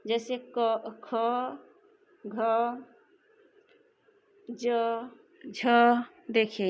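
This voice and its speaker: High-voiced woman teaching a lesson. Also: slight background noise. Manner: slow, clear explanation with repeated examples. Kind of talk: classroom lesson. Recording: dull lo-fi recording.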